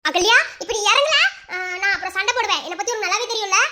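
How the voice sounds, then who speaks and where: A woman voicing a young pregnant wife who speaks softly and pleadingly to her absent husband, and later scolds possessively, in an amateur cartoon story. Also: extremely high pitch, very fast, soft background music. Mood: possessive, scolding.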